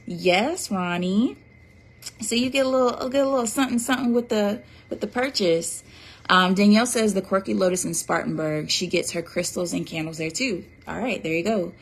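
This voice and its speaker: A woman's voice: mid-range voice, normal speed. A woman chatting casually on a livestream, reading out viewer comments with many fillers and restarts. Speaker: livestream host selling an oracle deck.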